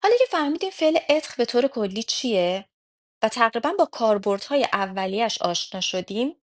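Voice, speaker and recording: A woman teaching a French grammar lesson, repeating example phrases slowly and carefully. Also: on the high side. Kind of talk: explanatory language lesson.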